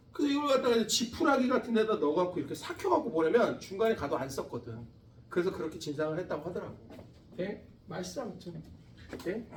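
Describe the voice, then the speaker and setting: Lively high-voiced man teaching class. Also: roomy sound, recorded from a distance, slight background noise. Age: 40s. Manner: lively, chatty, asks students questions. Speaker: science teacher. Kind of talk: classroom lecture.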